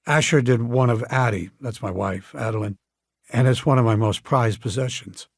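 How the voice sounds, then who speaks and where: A man's voice: mid-range voice, normal speed, no room sound, clean studio sound, natural voice. A man reading an audiobook, voicing a friendly, talkative male coffee shop owner who speaks in a plainspoken way. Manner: warm, chatty and plainspoken.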